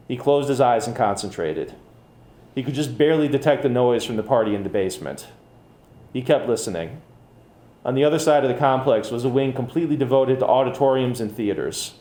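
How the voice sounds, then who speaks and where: Mellow-voiced man reading his story. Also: mid-range voice, reverberant. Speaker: author reading his fiction. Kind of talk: public fiction reading. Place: bookcafe reading event.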